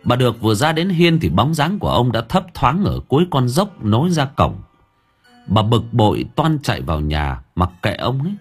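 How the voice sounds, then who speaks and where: A man narrating a spooky village story dramatically, dropping to hushed lines and rising again. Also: wildly swooping pitch, moderate pace, breathy edge, soft background music. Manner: dramatic, swinging between hushed low lines and raised ones. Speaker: audiobook narrator.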